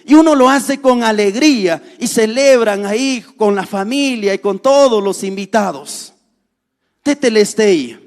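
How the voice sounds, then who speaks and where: High-voiced preaching man in reverb. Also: animated. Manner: earnest preaching, repeats key phrases slowly for stress. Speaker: pastor. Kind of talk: sermon.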